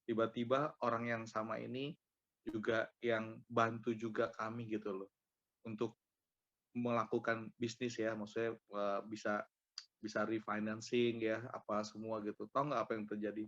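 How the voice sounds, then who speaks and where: A man telling a personal testimony to his small group in a casual, animated way, full of repeated filler tags. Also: lowish voice, moderate pace. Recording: dull lo-fi recording.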